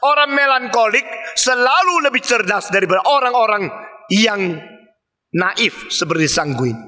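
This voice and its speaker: Older male preacher, bright and emphatic. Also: big-room sound. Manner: emphatic, dramatic pitch swings, rhetorical asides. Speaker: pastor. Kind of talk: sermon.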